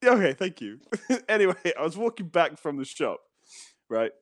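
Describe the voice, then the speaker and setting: A man's voice: on the high side, sing-song, normal speed, no room sound. Laughing British man telling a story. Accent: British English. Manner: laughing storyteller, swears freely. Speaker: podcast co-host. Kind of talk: casual banter podcast.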